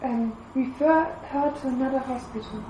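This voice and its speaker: A woman interpreting a church testimony live, halting and searching for words with many fillers. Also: high voice, background noise. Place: church hall. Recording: roomy hall echo.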